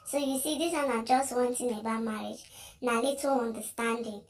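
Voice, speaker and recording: A woman's voice: on the high side, fairly even intonation, normal speed. A woman with a Nigerian accent giving chatty commentary on social media videos, reading out comments and laughing often. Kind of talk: casual commentary in Pidgin.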